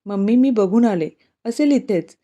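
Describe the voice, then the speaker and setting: A woman's voice: mid-range voice, animated, a little slow, mellow. A woman voicing a casual, sleepy young sister who talks in a reassuring way, in a storybook reading.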